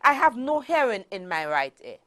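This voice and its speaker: A woman giving a prepared motivational speech in deliberate, formal phrasing, with R's that come out like W's. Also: on the high side, very animated, a bit bright. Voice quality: cannot pronounce R's properly, says w-like sound for r. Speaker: motivational speaker.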